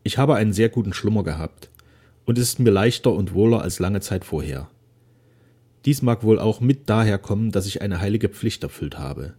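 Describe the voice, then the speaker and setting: An ailing old nobleman from a classic novel, solemn and full of remorse, as a male narrator voices him. His speech is formal and weary, in a dark, husky tone. Each sentence is weighted like a confession. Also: lowish voice, expressive, moderate pace.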